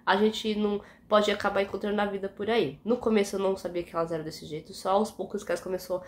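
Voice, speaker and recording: A woman's voice: medium pitch, little pitch movement, fast talker. A young Brazilian woman with a Brazilian Portuguese accent, telling a workplace story in a chatty, indignant vlog, dropping frequent asides to her viewers. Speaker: vlogger.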